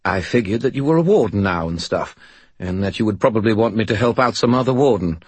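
A man's voice: lowish voice, lively intonation, slightly rough, no echo, voice pushed up. A man doing a smug, chirpy talking skull. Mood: cheeky. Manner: perky, cheeky and quick-witted. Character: chatty, smug male spirit living in a skull.

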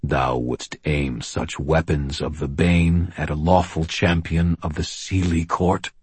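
A man voicing a rumbling, solemn fae giant. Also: fairly even intonation, takes it slowly, breathy edge, no echo, exaggerated voice. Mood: stiff, solemn. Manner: rumbling, archaic formal speech. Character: enormous horned male fae brute, solemn, menacing. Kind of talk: audiobook character voice.

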